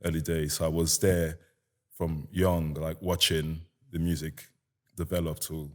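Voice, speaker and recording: A man's voice: rumbling low, measured pace. A young adult man with a Nigerian accent, chatting casually as a guest and telling his story with easy laughs and street slang. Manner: relaxed, laughing, lots of "you get me" slang. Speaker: guest musician. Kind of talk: casual interview chat.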